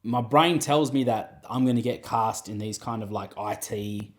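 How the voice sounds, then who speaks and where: A man's voice: fairly low pitch, normal speed. A man, an acting coach, chatting casually and rambling with lots of "you know what I mean.". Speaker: acting coach and podcast host. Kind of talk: casual advice chat.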